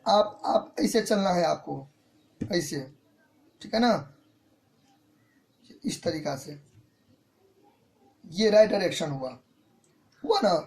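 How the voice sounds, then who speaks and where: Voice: medium pitch, lively intonation, slow pace, vocal fry, long pauses, a little mellow. A teacher giving an online grammar lesson, explaining step by step, repeating points and often checking in with the students. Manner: mixes in English terms.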